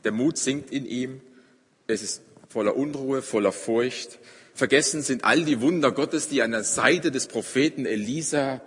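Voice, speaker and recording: A man preaching a sermon, telling a story dramatically and moving between loud, emphatic passages and hushed ones. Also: mid-range voice, moderate pace, slightly rough, long reverb tail. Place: church.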